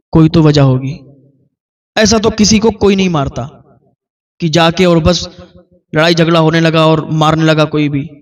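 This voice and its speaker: A man voicing a calm, gentle devout son who reasons softly in a sermon story. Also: high-pitched, recorded from a distance, close to an everyday voice.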